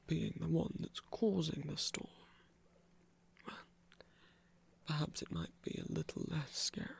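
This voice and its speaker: A man voicing a gentle trickster god in an ASMR roleplay, whispering slowly and soothingly in a breathy, creaky voice with refined, hesitant phrasing. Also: fairly high pitch, heavily acted. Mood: tender, reassuring. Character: Loki, gentle male trickster god comforting someone.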